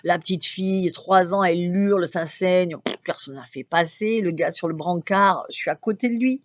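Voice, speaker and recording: A middle-aged woman from France, a channeler talking casually to her followers, chatty and quick to laugh, with lively storytelling and frequent restarts. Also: on the low side, no echo. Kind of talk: casual spoken monologue.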